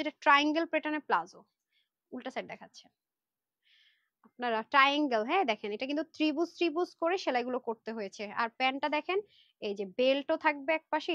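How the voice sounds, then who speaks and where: Fast-talking high-voiced woman selling live. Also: a bit bright, no echo, highs cut off. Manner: chatty, pushy, addresses viewers as sisters. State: tired, worn out. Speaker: online clothing seller hosting a live sale.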